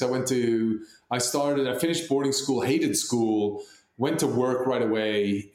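Guy from hong kong telling stories all over the place, restarts a lot, roomy echo. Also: mid-range voice. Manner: rambling, animated storytelling with frequent restarts and laughs. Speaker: podcast co-host. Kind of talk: casual conversation. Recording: echoey room sound.

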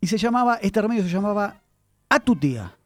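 A man hosts a radio column about where words come from, speaking in a high, very animated voice that jumps up and down as he spins his tale. Faint music plays behind him in the studio. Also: fairly quick, no room sound. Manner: chatty, animated storyteller addressing listeners. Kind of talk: radio segment on word origins.

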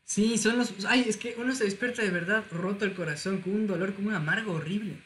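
A young man, high-pitched and animated, who laughs through his own stories. He talks loosely in podcast chat, with a faint noise in the room behind him. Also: a little fast. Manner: animated storyteller, laughs often. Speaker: podcast host. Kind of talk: casual chat.

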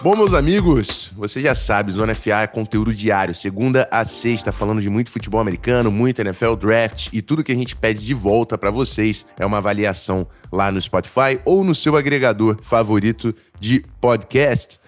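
A Brazilian man with a fairly low, slightly strained voice hosts a sports podcast. He talks casually and haltingly, with plenty of slang, over faint music. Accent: Brazilian Portuguese. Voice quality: voice slightly failing, strained from tiredness. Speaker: podcast host.

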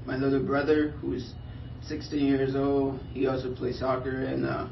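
Speaking at normal speed with a creaky, mid-range voice and a completely flat delivery, a young pro footballer from Liberia responds to the press softly, hesitating often and leaning on fillers. The audio is muffled and distant, roomy, with a bit of noise.

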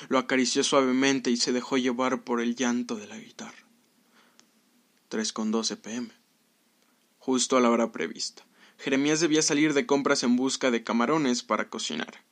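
A man reading a scripted story aloud in a hushed, dramatic way that sometimes sinks to a whisper. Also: mid-range voice. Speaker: narrator.

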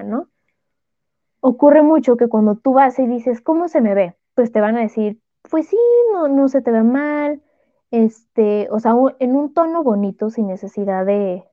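A young Mexican woman co-hosting a podcast, chatting casually and sharing strong opinions with animated energy. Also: medium pitch, no echo. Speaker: podcast co-host. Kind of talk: casual chat. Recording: tinny phone-like sound.

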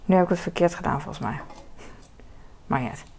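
A woman's voice: lowish voice, a little fast, gravelly. A woman chatting casually while cooking in her home kitchen, rambling and self-mocking with lots of fillers. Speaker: home cook vlogger. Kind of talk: casual cooking vlog chat. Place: home kitchen with sizzling pan. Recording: noisy home kitchen recording. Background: frying and sizzling sounds.

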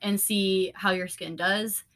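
A woman's voice: mid-range voice, fairly even intonation, takes it slowly, a bit bright. A woman co-hosting a podcast as an esthetician, chatting casually with lots of fillers, giggles and the odd swear word. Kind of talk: casual chat.

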